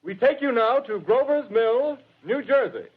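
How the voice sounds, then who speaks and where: A man's voice: very high voice, expressive, measured pace, slightly rough, exaggerated voice. An actor playing a formal male news announcer in a 1930s radio drama, delivering bulletins in a declamatory manner. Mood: formal, urgent. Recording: thin, tinny old 1930s radio broadcast.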